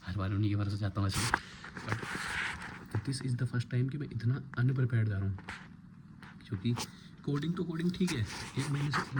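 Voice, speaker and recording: A young man in his twenties, a college student, talks quietly and rambles in a casual late-night vlog at home, recorded close on a phone. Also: fairly low pitch, background noise. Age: 20s. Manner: hushed, rambling, self-mocking. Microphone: phone held close.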